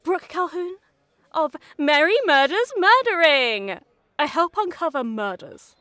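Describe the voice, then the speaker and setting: A woman's voice: high voice, expressive, unhurried, sharp tone, dry recording, heavily acted. An actress playing a vain, self-important woman podcaster with a smug, haughty manner, in a fiction podcast drama.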